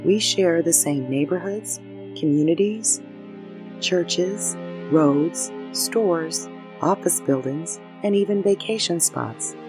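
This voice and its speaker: A woman guiding a meditation as host, speaking in measured, instructional phrases. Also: fairly low pitch, music in the background. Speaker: meditation guide and show host. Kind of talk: guided meditation, scripted narration.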